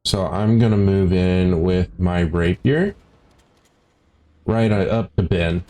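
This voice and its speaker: A man's voice: low voice, slow pace, warm tone. A man playing a tabletop game who carefully checks each step of the rules. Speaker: player. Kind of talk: casual tabletop play.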